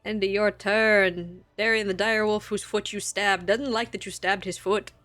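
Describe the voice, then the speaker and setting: A woman's voice: medium pitch, fairly even intonation, moderate pace, a bit bright. A woman acting as game master, narrating a tabletop game in a casual way with easy laughs between rules calls.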